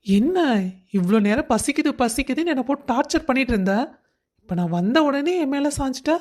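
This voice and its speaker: A woman voicing a young, busy husband who coaxes and gently scolds his wife. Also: high-pitched, lively intonation, a little fast. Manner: coaxing, affectionate scolding.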